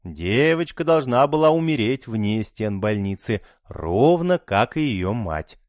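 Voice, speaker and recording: Expressive male audiobook narrator. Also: medium pitch, unhurried, no room sound, studio quality.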